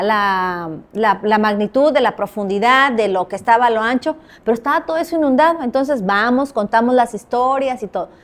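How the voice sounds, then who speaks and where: A woman journalist with a Mexican accent, a guest in an interview, telling her stories with animation and acting out the dialogue. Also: a little high. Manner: animated storyteller, acts out quoted dialogue. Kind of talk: anecdotal interview talk.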